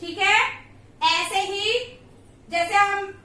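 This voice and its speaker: A woman's voice: very high voice, steady tone, extremely slow, pushed and bright, very echoey, distant mic. A woman teaching grammar, patiently repeating sounds and asking checking questions. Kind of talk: classroom lesson.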